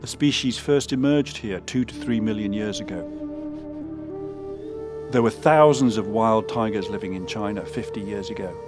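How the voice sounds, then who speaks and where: Male nature documentary narrator, lower register, earnest scripted read over a prominent music bed. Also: fairly even intonation, moderate pace.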